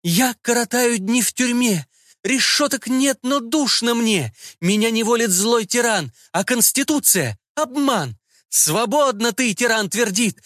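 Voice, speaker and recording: A man voicing a bold, bitter young peasant actress in an audiobook, shouting and declaiming. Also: extremely high pitch, no room sound, studio quality, voice pushed up. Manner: shouting, then declaiming verse.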